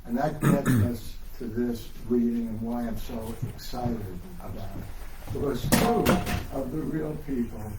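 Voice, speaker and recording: A man with a mid-range voice speaks unhurriedly as author and host, warmly rambling through a casual, eager introduction before a live book reading. The bookstore setting sounds noisy and echoey, picked up by a faraway mic.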